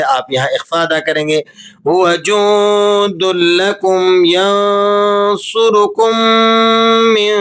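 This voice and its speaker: A man teaching Quran recitation, with a Pakistani Urdu accent, explaining the rules quickly and then reciting verses slowly and melodically. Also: mid-range voice, a bit bright. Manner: switches between quick explanation and slow, drawn-out melodic recitation. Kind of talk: tajweed lesson, explaining and reciting.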